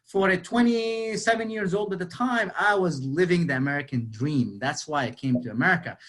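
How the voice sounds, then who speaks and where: A man in his forties speaks in a fairly high voice for a man. He keeps an energetic motivational sales talk going over a video call, firing questions at his listeners and leaning on "you know". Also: a little fast. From Lebanon. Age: 40s. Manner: energetic, quizzes the audience, frequent "you know". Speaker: real estate sales speaker.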